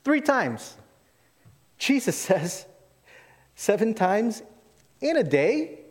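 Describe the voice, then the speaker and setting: A man's voice: high voice, big pitch swings, drawn-out words. A man preaching as a pastor at a pulpit microphone, conversational yet emphatic, repeating phrases and putting rhetorical questions to his listeners. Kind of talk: sermon, expository Bible preaching. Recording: reverberant hall, long echo.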